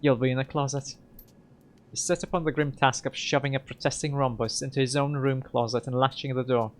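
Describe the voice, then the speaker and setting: A man's voice: mid-range voice, steady tone, quick pace. A man playing through a story game, reading the text aloud and adding casual remarks. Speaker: let's player.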